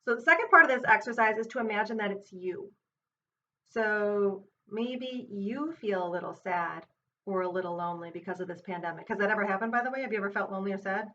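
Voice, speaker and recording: A woman teaching self-compassion, guiding an exercise in a gentle, unhurried way and thinking aloud with fillers and restarts. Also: mid-range voice. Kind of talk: guided exercise with her child. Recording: distant, muffled mic with faint hiss.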